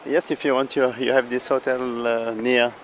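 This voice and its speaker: Man, halting local guide, mid pitch, faint traffic behind. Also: flat delivery, poor audio. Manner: halting, many fillers. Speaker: local giving directions.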